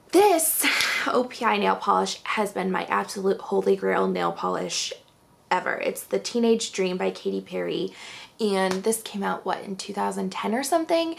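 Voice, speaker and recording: A young-sounding woman reviews her favorites in a chatty, rambling way, short of breath between phrases. Her voice carries a heavy, gravelly vocal fry under a mid-range pitch. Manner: chatty, fillers like "um" and "like". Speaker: beauty vlogger. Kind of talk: casual product review.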